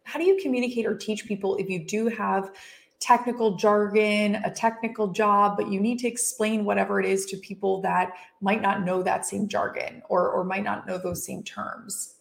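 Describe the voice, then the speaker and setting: A woman's voice: medium pitch, steady tone, normal speed, vocal fry, echoey room. A woman hosting a podcast, asking rambling, casual questions full of restarts and fillers. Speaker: podcast host.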